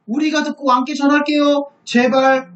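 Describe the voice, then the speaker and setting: A man's voice: very high voice, flat delivery, normal speed, fairly bright tone, reverberant, muffled recording, pitched above the performer's own voice. A man doing a timid, pleading envoy. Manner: servile, pleading, overly polite.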